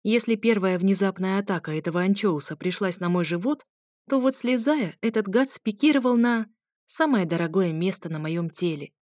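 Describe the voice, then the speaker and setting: A woman's voice: medium pitch, moderate pace, a little mellow, dry recording, studio quality. A woman reading a first-person story aloud, in a wry, conversational way. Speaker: audiobook reader.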